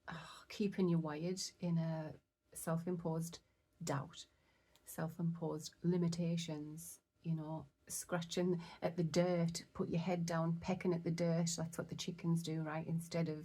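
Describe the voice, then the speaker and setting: A woman giving a casual tarot reading, chatty and excitable, often dropping into soft whispers. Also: sits low, slightly rough. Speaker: tarot reader.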